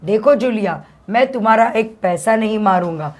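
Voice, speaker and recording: A woman reading out a stern stingy master of the house, lecturing, counting money out slowly, read aloud from a story in class. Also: medium pitch, darkish tone, natural voice. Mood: earnest. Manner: lecturing, drawn-out reckoning of money.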